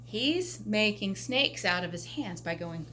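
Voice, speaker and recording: A woman telling a funny story in a casual, wry, animated way, with exasperated asides. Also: mid-range voice, unhurried, a little hiss or hum.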